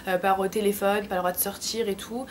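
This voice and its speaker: Her pitch is medium and her delivery flat and fairly quick. She's a French vlogger in her late teens, ill with a throat infection, her voice thick and sore from tonsillitis as she offers casual, slangy advice. There's a little hiss or hum in the recording.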